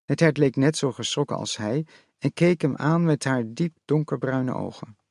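A male audiobook narrator with a measured, even storytelling delivery. His voice sits in a middle register with a gravelly grain. The recording is dry and close, with no room sound. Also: medium pitch, no echo.

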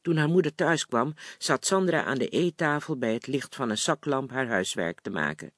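A man calmly reading a novel chapter aloud in a measured audiobook style. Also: mid-range voice, no echo, clean studio sound. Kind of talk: audiobook narration.

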